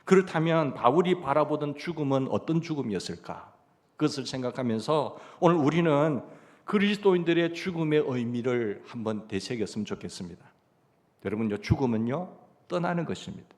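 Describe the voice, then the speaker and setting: A man's voice: medium pitch, expressive, brisk, a little mellow. A middle-aged male pastor preaching a Sunday sermon in a church. He tells stories and asks the congregation questions. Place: church sanctuary.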